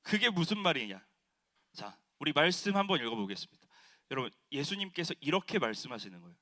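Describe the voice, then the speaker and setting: A man preaching to middle schoolers as a youth pastor, lively and acting out the quotes while asking the audience questions. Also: on the high side. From South Korea. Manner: animated, acts out quotes, asks the audience.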